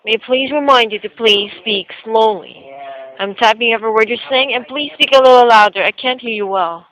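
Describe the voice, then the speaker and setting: A woman working as a relay operator, reading typed messages aloud in a flat, scripted way. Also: on the high side, fairly quick, low-quality recording. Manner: flat, scripted reading, even when the words are rude.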